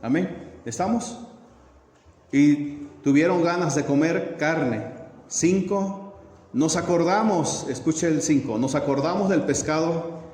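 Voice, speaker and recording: A man's voice: a little high, darkish tone. A man preaching a sermon to his congregation, often asking them questions and acting out dialogues. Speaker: pastor. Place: church hall. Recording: echoey church hall, faint hiss.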